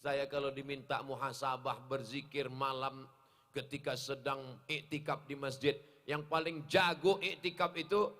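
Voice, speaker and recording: A middle-aged man preaching outdoors, joking with the crowd and breaking into sung Arabic chant between hushed asides. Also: medium pitch, fairly even intonation, unhurried. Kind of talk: open-air sermon with jokes and acted dialogue. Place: outdoor football field gathering.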